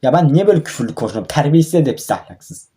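A man's voice: medium pitch, sing-song, rapid-fire, warm tone, slight background noise. A young man commentating his own mobile football match, frustrated and swearing at his players. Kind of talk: live gameplay commentary.

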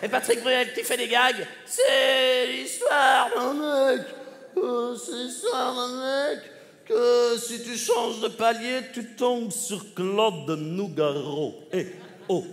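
Slow, very high-pitched and a bit bright, a man's voice carries a stage comedy sketch in a big theatre, hopping among celebrity impressions and sung fragments. The recording has hall reverb and a live crowd.

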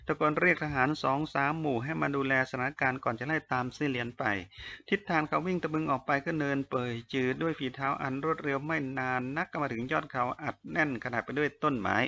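Gravelly bright-voiced male storyteller. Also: a little high, fast, muffled recording, a little hiss or hum. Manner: steady storytelling read-through. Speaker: audiobook narrator. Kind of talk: reading a novel aloud.

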